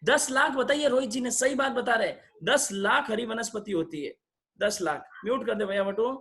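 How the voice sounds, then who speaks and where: A man with a fairly high voice leads an online lesson over a video call. He quizzes his students one by one and coaxes answers out of them in a brisk way. He mixes in English phrases now and then. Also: fairly bright tone. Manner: quizzes participants, brisk and coaxing. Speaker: online class teacher. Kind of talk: interactive online religious lesson.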